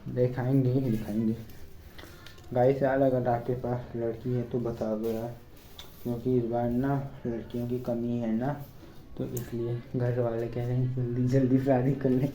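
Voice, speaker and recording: Young man, rambling jokey vlog chat, out of breath, very dark tone, echoey room, faint background hiss. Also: medium pitch, little pitch movement, unhurried. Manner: chatty, jokey, rambling, addresses viewers as brothers. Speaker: vlogger. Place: village house, cleaning rooms. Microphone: phone camera, no external mic. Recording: dull lo-fi phone audio in an echoey room.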